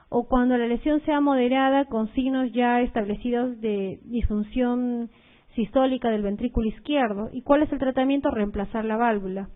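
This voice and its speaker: Female medical lecturer, fairly high voice, talks through slides with fillers and repetition, phone-quality audio. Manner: explanatory, uses fillers like "este" and "eh"; repeats key points, addresses students directly. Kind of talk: recorded cardiology lecture over slides.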